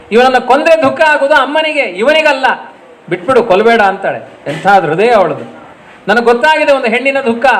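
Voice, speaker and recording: A man's voice: very high voice, fairly bright tone. A man giving a storytelling religious sermon, asking rhetorical questions and chanting verses. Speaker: religious discourse speaker.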